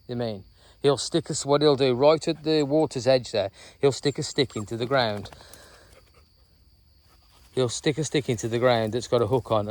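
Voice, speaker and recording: A chatty man talks in a loose, rambling way while walking outdoors by a reservoir, often tagging on "you know what I mean". His voice sits at a middle pitch and sounds dry and close to the mic. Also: a little mellow, no echo. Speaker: vlogger. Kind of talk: casual walking vlog chat.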